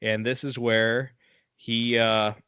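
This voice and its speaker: A man's voice: mid-range voice, little pitch movement, slow pace, pushed and bright, clean tone, dry recording, dull audio. A man co-hosting a podcast, telling the story in a laid-back, casual way and cursing now and then. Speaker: podcast co-host. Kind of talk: casual chat.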